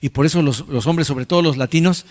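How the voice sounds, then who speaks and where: A man's voice: fairly high pitch, brisk, darkish tone, long reverb tail. A man preaching a sermon as pastor, in a conversational way with many repeated words. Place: church hall.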